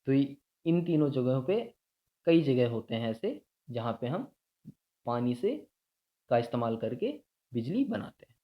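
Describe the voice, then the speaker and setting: A man's voice: mid-range voice, very animated, measured pace, pauses often, mellow. A man explaining a school science lesson step by step, often checking in with his students. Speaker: teacher. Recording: dull lo-fi sound.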